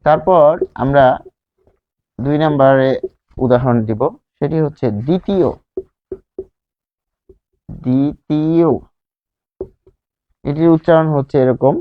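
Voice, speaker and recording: A male teacher giving a grammar lesson who explains slowly, repeats key words and asks the class questions. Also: mid-range voice. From Bangladesh. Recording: dull lo-fi sound.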